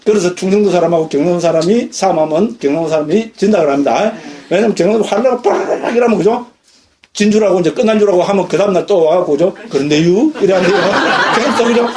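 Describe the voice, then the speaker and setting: Lively monk lecturer. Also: male voice, sits high, quick pace, crowd noise. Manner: lively, questions the audience often. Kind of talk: dharma lecture. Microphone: lecture recording.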